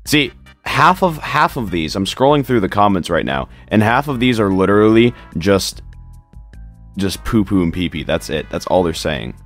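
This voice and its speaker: A man's voice: low-pitched, very animated, normal speed, soft background music. A tired man reading viewer comments aloud, laughing often and complaining about the jokes. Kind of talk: casual comedic reading.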